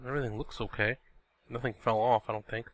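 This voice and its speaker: A young man hosting a gaming video comments quickly and casually, talking himself through the game and exclaiming now and then, though a lingering cold leaves him sniffly. His mid-range voice is fairly even and fairly bright, with faint background music.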